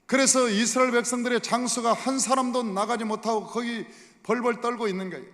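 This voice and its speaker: A man's voice: very high-pitched, steady tone, a little fast, a bit bright. A male pastor giving a storytelling sermon in a church, often addressing the congregation directly. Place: church sanctuary. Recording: long reverb of a church hall.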